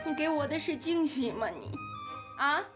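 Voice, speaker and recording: A woman's voice: sits high, sing-song, moderate pace, over music. An actress playing a domineering middle-aged mother with a Beijing accent, scolding her daughter through tears in a TV drama. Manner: scolding, tearful outbursts. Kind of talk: TV drama acting.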